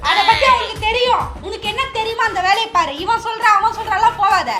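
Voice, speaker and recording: A woman's voice: very high voice, fast talker, loud music behind the voice. A woman, scolding and exasperated as the nagging wife in a comic family skit. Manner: scolding, exasperated, often half-laughing.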